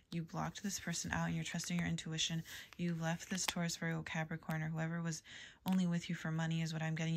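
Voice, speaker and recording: A woman giving a tarot reading to a general audience, in a calm, even delivery with soft whispered asides. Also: deep voice, a little hiss or hum. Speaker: tarot reader.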